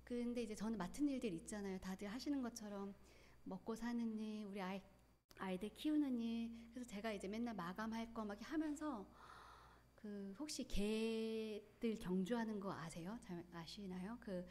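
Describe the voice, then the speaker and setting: A woman's voice: mid-range voice, warm tone. A woman in her forties with a Gyeongsang accent, giving an earnest, emotional personal testimony at church. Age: 40s. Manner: earnest, tearful, quick bursts of feeling.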